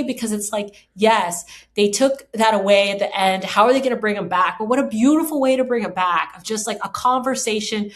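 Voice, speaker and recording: An emotional, enthusiastic woman hosts a casual podcast chat. She rambles happily, piling up fillers and restarts as she gushes about scenes that moved her. Her pitch sits in a middle range for a woman. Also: fairly bright tone. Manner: emotional, moved by film moments. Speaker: podcast host.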